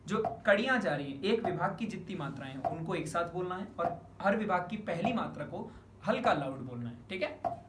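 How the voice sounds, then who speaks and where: A man's voice: sits high, animated, fairly quick, a bit bright. A man teaching a music lesson step by step, counting beats aloud, stressing the first of each group and mixing in English words. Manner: explains in Hindi mixed with English words. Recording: echoey room with audible noise.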